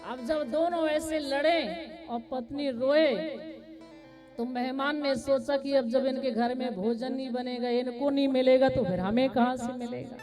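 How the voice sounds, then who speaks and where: High-voiced woman preacher, music behind. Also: steady tone, measured pace. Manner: storytelling, breaks into singing chaupai. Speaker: Ram Katha preacher. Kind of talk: devotional sermon with sung verses.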